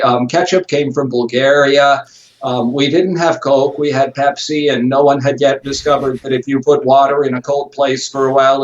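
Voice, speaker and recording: A man's voice: medium pitch, muffled recording. An American man from Chicago, a journalist being interviewed, telling anecdotes and often repeating words as he searches for them. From United States (Chicago). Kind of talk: casual interview talk.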